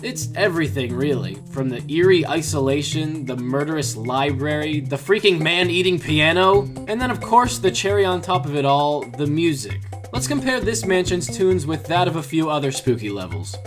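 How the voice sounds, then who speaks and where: A man's voice: on the high side, sing-song, normal speed, few pauses. A man hosting a scripted countdown video, narrating in a theatrical, tongue-in-cheek storytelling manner. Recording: music behind the voice. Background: background music.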